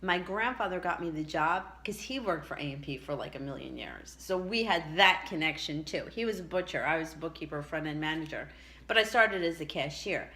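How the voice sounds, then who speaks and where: A middle-aged woman chatting casually and reflectively as she tells a personal story, with halting asides. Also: deep voice, lively intonation, pushed and bright. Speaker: vlogger telling a personal story.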